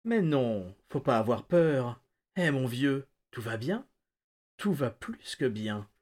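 A man voicing a sinister, mocking male stranger who taunts with false warmth. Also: mid-range voice, very animated, slow. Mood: taunting. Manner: silky, taunting, mock-friendly. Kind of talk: audiobook-style reading.

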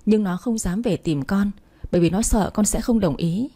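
A remorseful older mother-in-law, weeping and begging, in a dark, mellow voice, as a woman reads her. Her pleas come out breathy and husky in a storybook reading. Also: mid-range voice, normal speed, natural voice. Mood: pleading. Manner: pleading, weeping.

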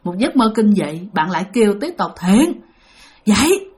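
A woman's voice: medium pitch, lively intonation, fairly quick, darkish tone. A woman with a Southern Vietnamese accent narrating a ghost story, chatty and talking straight to her listeners. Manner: chatty, addresses listeners directly.

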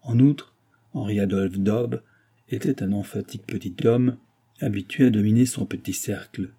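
A man narrating a classic novel as an audiobook in a steady, measured reading. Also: fairly low pitch, slightly rough. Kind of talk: reading a 19th-century novel aloud.

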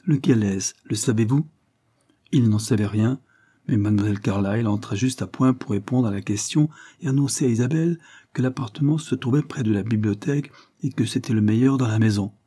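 Low, husky male audiobook narrator. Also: a little fast, dark tone. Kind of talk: scripted novel narration.

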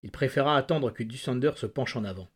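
Homme lisant un récit avec gravité. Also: male voice, medium pitch, breathy edge. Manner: measured, dramatic narration. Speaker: reader. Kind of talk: audiobook reading.

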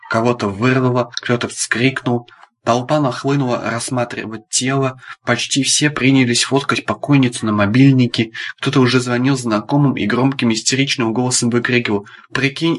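A man reading an audiobook aloud, narrating in a darkly ironic, deadpan storytelling manner. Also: medium pitch, moderate pace. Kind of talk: scripted narration.

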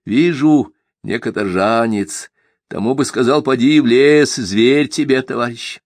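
A man voicing a gentle weary old holy man. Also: medium pitch, measured pace, no room sound, voice pushed up, lightly acted. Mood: patient. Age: older. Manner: soft, patient, calls others "son".

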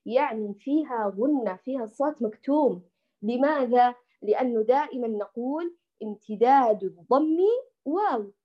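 A woman teaching Quran recitation. She models each letter sound slowly and carefully and puts questions straight to her students. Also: high voice, dull audio. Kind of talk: tajweed lesson, demonstrating sounds.

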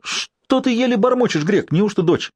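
A man voicing a hot-tempered, proud young prince who shouts and rages in high-strung outbursts. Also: very animated, normal speed, no room sound. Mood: scornful.

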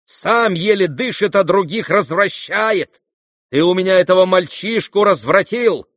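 A man's voice: high voice, animated, unhurried, fairly bright tone, no echo, clean studio sound, pitched above the performer's own voice. Man voicing an indignant older noblewoman. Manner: indignant, scolding, exclamatory. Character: imperious, furious older noblewoman scolding guests. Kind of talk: audiobook character reading.

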